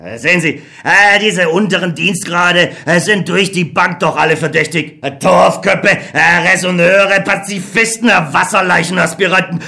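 A man voicing a pompous, callous old army colonel who keeps hesitating with drawn-out fillers, in a dramatic reading of a stage play. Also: sits high, gravelly, bright, forceful tone, heavily acted. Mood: dismissive.

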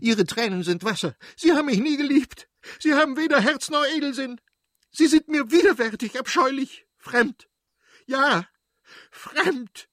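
A man voicing a bitter, furious betrayed noblewoman in a shrill, raised voice. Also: expressive, moderate pace, pauses often, a little mellow, husky, no echo, studio quality. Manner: shrill, screaming outbursts.

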